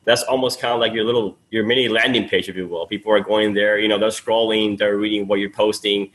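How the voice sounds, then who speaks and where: A man from Peru, somewhere in his thirties, with a fairly low voice. He talks freely and casually as a podcast guest. He drops in "man" and "dude" and restarts his sentences often. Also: little pitch movement, quick pace, a bit bright, rough recording. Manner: talkative, loose and friendly, says "man" and "dude", many fillers and restarts. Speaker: guest, sales funnel coach.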